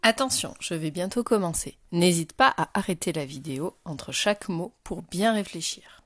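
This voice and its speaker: A woman's voice: fairly low pitch, expressive, normal speed, no echo. A woman teaching phonics to a young child, speaking patiently and directly to the learner. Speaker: primary school teacher.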